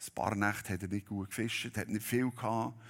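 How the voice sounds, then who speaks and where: A man preaching a sermon, telling a Bible story dramatically and swinging between loud and hushed delivery. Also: fairly low pitch, fairly even intonation, moderate pace, creaky.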